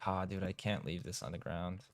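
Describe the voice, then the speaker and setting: Gravelly and low, his voice holds a fairly even intonation at normal speed over faint background music. He's a young man from Romania streaming a game, chatting casually with his audience, reading chat aloud, and stumbling over words at times in his Romanian accent.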